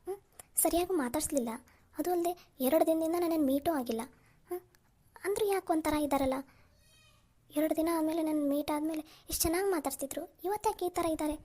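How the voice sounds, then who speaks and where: Cartoon young office woman, high-pitched, anxious and pleading, woman voicing. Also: a little fast, pauses often, mellow, natural voice. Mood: worried. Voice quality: pleading, fretful. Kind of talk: cartoon voice acting.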